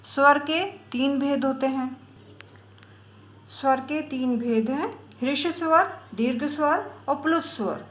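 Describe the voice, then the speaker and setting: Patient woman teaching in an echoey room. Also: high-pitched. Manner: slow, patient, drawn-out vowel examples. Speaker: Sanskrit teacher. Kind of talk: explanatory lesson.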